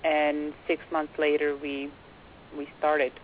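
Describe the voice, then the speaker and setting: A quiet, hesitant young woman with a Czech accent talks slowly as a guest on a radio show. She pauses often with fillers. Her voice comes through a narrow phone-like line with faint hiss. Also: low voice, monotone. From Czech Republic. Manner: quiet and soft-spoken, hesitant with many fillers. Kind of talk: radio interview.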